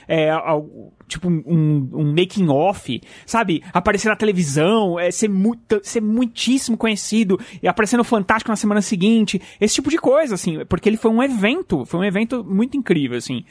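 A Brazilian man hosting a podcast, excitable and rambling in casual chat. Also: high voice, fairly quick, hardly any pauses, no echo, studio quality. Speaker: podcast host.

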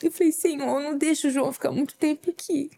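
A woman shares a heartfelt faith testimony. Her voice sits a little high and sounds mellow and warm. She speaks earnestly, replaying her own words as she tells the story. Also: fairly even intonation, quick pace, vocal fry. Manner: earnest, tearful at times, acts out her own quoted words. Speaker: podcast guest.

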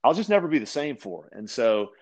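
A man from Louisiana, a podcast guest, telling casual stories with lots of restarts and animated asides. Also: medium pitch, brisk. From Louisiana, USA. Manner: rambling, animated anecdotes with frequent restarts. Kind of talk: casual storytelling conversation.

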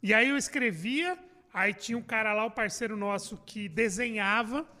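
A man's voice: high voice, moderate pace, bright, forceful tone, long reverb tail. A middle-aged man, a comedy writer and guest, chatting casually and swearing freely as he acts out the reactions he quotes. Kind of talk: casual podcast chat.

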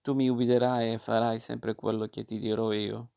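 A man's voice: lowish voice, flat delivery, normal speed, gravelly, dark tone. A man reading aloud and voicing a kind but stern fairy who patiently lectures a puppet boy. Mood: admonishing. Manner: admonishing, patient.

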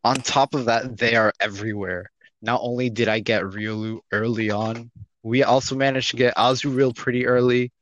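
A man's voice: medium pitch, steady tone, normal speed, fairly bright tone, no room sound. Chatty podcast guy, dull call audio. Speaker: podcast co-host. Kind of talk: casual chat about a video game.

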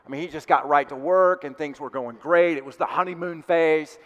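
A male pastor preaching a sermon in a relaxed, conversational way, with frequent fillers and restarts. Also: a little high, normal speed. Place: church sanctuary. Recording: long reverb of a church hall.

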